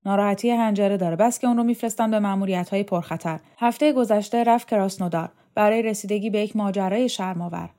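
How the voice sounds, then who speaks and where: A woman's voice: mid-range voice, fairly even intonation, hardly any pauses, dark tone, lightly acted. A woman voicing a stern, domineering male official in an audiobook reading. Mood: commanding. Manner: brusque, commanding.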